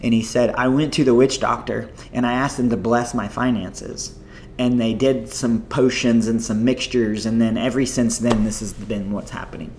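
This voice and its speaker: A man's voice: mid-range voice, normal speed, slight background noise. Man telling vivid stories. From United States. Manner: animated, chatty storytelling full of "like" and "you know". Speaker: missionary guest. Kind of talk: storytelling interview.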